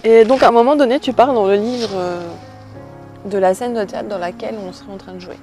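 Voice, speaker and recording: Woman host asking questions, measured, music bed behind. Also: mid-range voice, fairly even intonation. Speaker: interviewer. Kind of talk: interview questions.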